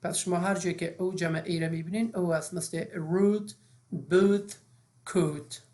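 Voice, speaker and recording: A woman's voice: on the low side, level tone, darkish tone. A woman, teaching an English phonics lesson step by step with frequent fillers.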